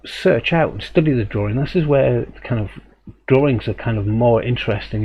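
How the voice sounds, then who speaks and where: A man teaching a live drawing stream, talking thoughtfully and rambling a little, often correcting himself and chuckling. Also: medium pitch. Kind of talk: live drawing demo and chat. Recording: dull lo-fi stream audio with faint hum.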